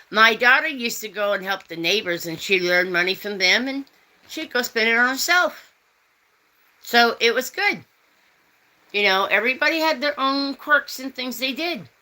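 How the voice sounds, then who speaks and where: Female host, fifties, slow and bright, folksy chat. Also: mid-range voice, poor audio. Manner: rambling, folksy, reads out chat comments. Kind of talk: casual chat.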